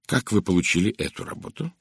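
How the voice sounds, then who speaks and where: A man reading an audiobook voicing a shrewd, precise detective who speaks soft and measured. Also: low voice, lively intonation, gravelly, breathy edge, no room sound, clean studio sound, full character voice. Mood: probing. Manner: soft, measured, hushed and knowing.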